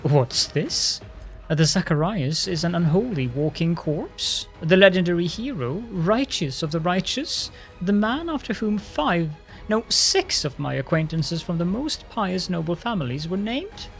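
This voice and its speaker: A man's voice: fairly high pitch, very animated, moderate pace, gravelly, soft background music. Man voicing a mocking, theatrical aristocratic dandy.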